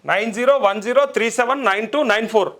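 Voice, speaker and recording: A man's voice: sits high, fast talker, fairly bright tone. A male journalist, interviewing people on the spot, coaxing them and repeating their answers back.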